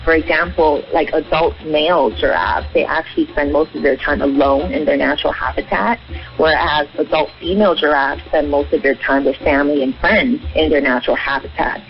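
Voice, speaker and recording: Music plays behind this muffled, narrowband shortwave recording of a man being interviewed about animal welfare. Brisk and gravelly, his slightly high voice stays fairly even in intonation as he informally explains things like an advocate.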